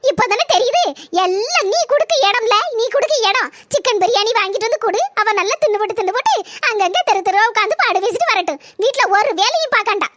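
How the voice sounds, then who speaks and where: Woman doing a cartoon village mother, Kanyakumari accent, nagging, fast, dry studio sound. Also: extremely high pitch, lively intonation, fairly bright tone, no room sound. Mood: scolding. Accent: Kanyakumari Tamil. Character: fussy middle-aged village mother, scolding. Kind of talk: animated cartoon voice acting.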